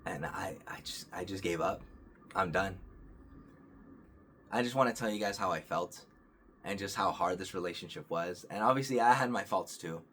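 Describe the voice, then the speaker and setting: Low-voiced young man rambling calmly. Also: normal speed, pauses often, slight background noise. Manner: rambling, many restarts and fillers; calm, earnest. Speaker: vlogger. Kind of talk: casual storytelling to camera.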